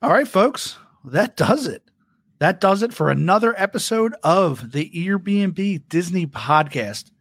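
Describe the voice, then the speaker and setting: A man's voice: high-pitched, expressive, unhurried, dry recording. A man hosting a casual podcast chat, chatty and reading out listener comments. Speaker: podcast host.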